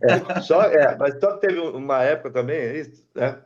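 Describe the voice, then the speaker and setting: An older Brazilian man, a guest who works as an aircraft mechanic, tells stories in casual chat. His mid-range voice moves at a moderate pace, recorded lo-fi over a noisy crowd. He is animated and acts out the dialogue.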